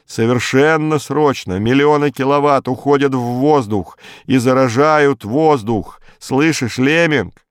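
A man performs an excited male expedition leader calling over a radio link in an audiobook. He pushes his voice up high and presses urgently, issuing one command after another. The recording is dry and close. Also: normal speed, no echo, lightly acted.

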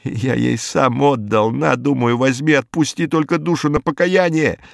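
A man voicing a frightened, superstitious male gangster informer who talks in a jumpy, rambling, pleading way, in a high, strained voice with a gravelly edge. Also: normal speed, no room sound, clean studio sound, lightly acted. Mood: terrified.

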